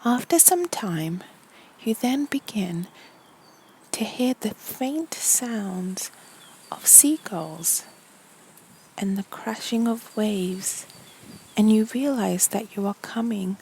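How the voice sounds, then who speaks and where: A woman tells a meditation story in a calm, deliberate, nearly whispered voice that is breathy and medium in pitch. Short phrases come separated by frequent pauses, and slight background noise can be heard.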